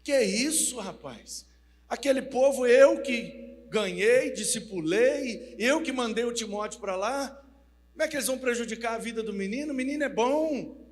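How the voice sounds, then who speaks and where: A man preacher voicing an older male apostle who protects his young disciple, indignant and forceful. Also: high voice, big pitch swings, a little slow. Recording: reverberant church hall.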